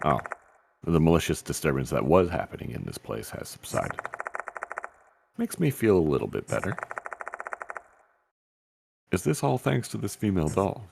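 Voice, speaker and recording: A woman performing a video game's text aloud in a theatrical, halting way, with casual commentary of her own. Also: rumbling low, wildly swooping pitch, vocal fry, noisy background. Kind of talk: dramatic game read-aloud with casual commentary.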